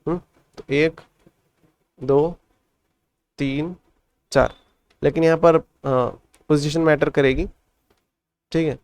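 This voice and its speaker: A man's voice: a little high, steady tone, slow pace, pauses often, a little mellow. A man tutoring a math lesson step by step, counting digits aloud and explaining patiently.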